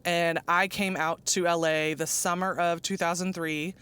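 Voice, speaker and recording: A woman's voice: lowish voice, level tone, moderate pace, fairly bright tone, smooth. A woman in her forties from Arizona, chatting as an interview guest about her dance ministry, upbeat and often laughing. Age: 40s. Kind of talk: casual chat.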